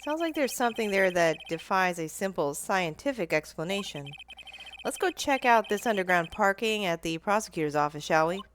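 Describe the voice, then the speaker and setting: A woman's voice: medium pitch, lively intonation, fairly quick, fairly bright tone, a little hiss or hum, natural voice. A woman with a cold voicing an earnest young male defense lawyer in a game read-through, delivered in a dry, level way. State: stuffy from a cold.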